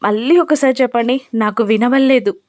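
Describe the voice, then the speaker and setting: A woman's voice: fairly high pitch, a little fast, a little mellow, no room sound, studio quality, natural voice. A woman voicing a young husband who begs and coaxes his wife playfully, read in a recap of a television serial. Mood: pleading, eager. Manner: coaxing, begging tone.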